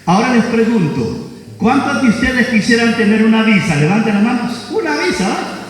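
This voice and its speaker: High-voiced Honduran pastor preaching, echoey hall. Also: male voice, animated, normal speed. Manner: preaching with rising shouts and questions to the congregation. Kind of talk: sermon. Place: church hall. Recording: echoey church hall from far off, music behind.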